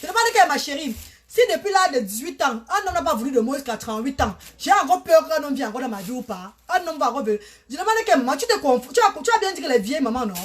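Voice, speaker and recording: A woman's voice: sits high, sing-song, fast. A woman, talking bluntly and repetitively in a casual live stream, often addressing listeners as "maman". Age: 30s.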